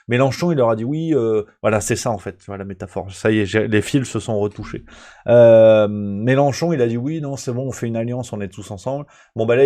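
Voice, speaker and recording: A man's voice: lowish voice, warm tone. A man hosting a casual talk, rambling and joking with many fillers. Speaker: host. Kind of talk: casual political chat.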